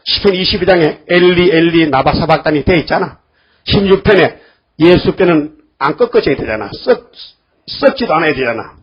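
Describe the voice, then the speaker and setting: An older man preaching a sermon in a church, lively and acting out the voices of the people he quotes. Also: a little high, slightly rough, dull audio. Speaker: pastor.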